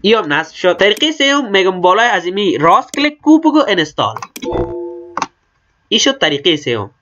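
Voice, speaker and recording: A man's voice: sits high, sing-song, pushed and bright, a little hiss or hum. A man with an Afghan Dari accent giving a step-by-step computer tutorial, explaining each click plainly and repeating steps. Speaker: computer instructor. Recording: slightly dull lo-fi recording.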